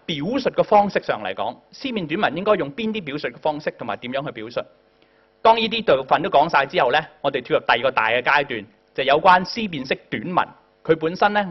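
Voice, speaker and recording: A man with a Hong Kong Cantonese accent giving a classroom lecture as a workshop tutor, often prompting the class with "嗱" and "嚇". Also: on the high side. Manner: addresses the class directly with frequent "嗱" and "嚇" prompts. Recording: dull lo-fi recording.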